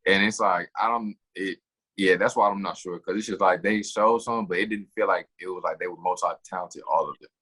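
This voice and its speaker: A man riffing fast with friends on a podcast, his words tumbling out in slang and restarts. His voice sits a little low and has a husky edge. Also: steady tone, bright, forceful tone, low-quality recording. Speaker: podcast co-host. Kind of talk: casual chat.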